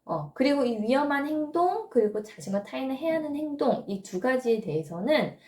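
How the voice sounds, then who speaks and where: Woman, parenting educator, patient explanatory lesson, slightly high voice, echoey room. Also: big pitch swings, normal speed, a little mellow. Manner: explains patiently, often asks rhetorical questions.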